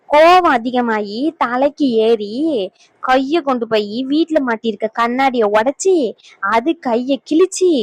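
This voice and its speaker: A woman's voice: on the high side, no room sound, natural voice. A woman voicing a blunt, exasperated young granddaughter in a cartoon family drama.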